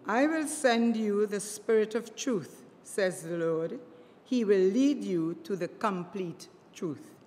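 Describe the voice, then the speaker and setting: A woman's voice: medium pitch, animated, slow, darkish tone, soft background music. An elderly woman in her seventies reading scripture solemnly as a lector, in an echoing church. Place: inside a church. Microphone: microphone on lectern stand. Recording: church reverb with clear background noise.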